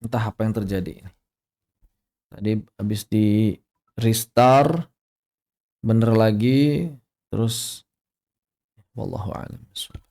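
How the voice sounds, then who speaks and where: A man teaching Quran recitation rules in an online class, calmly explaining and then slowly modeling each example. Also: on the low side. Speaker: tajwid teacher.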